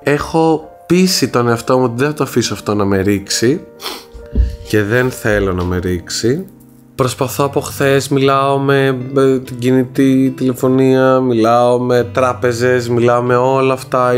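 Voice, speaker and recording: A man's voice: mid-range voice, faint music behind. A young man with a Greek accent recounts his story in a casual vlog, shaken and repeating himself, speaking frankly to his viewers. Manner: shaken, repetitive, frank retelling. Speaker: vlogger.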